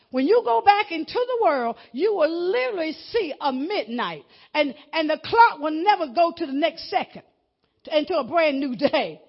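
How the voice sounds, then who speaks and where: A woman preacher delivering a booming, exhortative, impassioned sermon in a husky voice, repeating phrases for emphasis. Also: lo-fi sound. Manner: repeats key phrases for emphasis, rhetorical questions.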